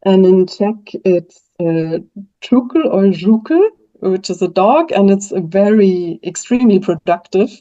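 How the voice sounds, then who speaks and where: A warm, animated woman with a medium-pitched voice takes her time. A linguist who speaks German with a German accent, she answers interview questions thoughtfully, often using fillers and starting over. The recording is dull lo-fi.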